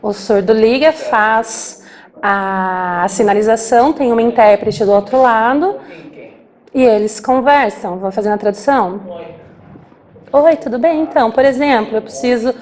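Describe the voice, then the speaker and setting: A woman voicing a deaf speaker's talk aloud as a sign language interpreter, lively and acting out small scenes. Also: fairly high pitch. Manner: lively, acts out little scenes with quick asides. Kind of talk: live spoken interpretation of a talk.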